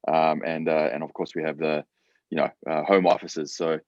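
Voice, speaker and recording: Deep man, dry lo-fi sound. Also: little pitch movement, moderate pace, a little mellow, no room sound. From South Africa. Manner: hesitant, many fillers and repeated words. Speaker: guest entrepreneur. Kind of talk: casual interview chat. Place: home garage. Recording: dull lo-fi sound.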